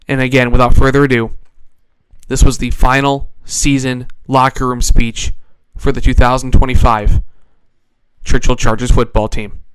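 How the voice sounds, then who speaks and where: A man's voice: medium pitch, level tone, moderate pace, smooth, no room sound, rough recording. A man casually introducing a video as the host of a channel, speaking close to the mic.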